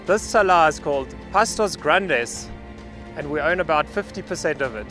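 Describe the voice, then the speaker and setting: A man in his thirties walks viewers through a mining project while standing outdoors on a salt flat. His voice sits a little high and his delivery stays measured and matter-of-fact. He is close-miked with a lapel mic, and music runs clearly underneath him. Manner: measured, factual briefing. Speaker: mining company representative. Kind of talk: on-site project presentation to camera. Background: background music.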